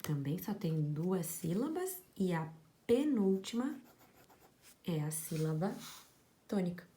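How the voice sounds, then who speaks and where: A woman teacher giving a slow, explanatory grammar lesson and stressing each example word. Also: lowish voice, very animated, mellow, a little hiss or hum.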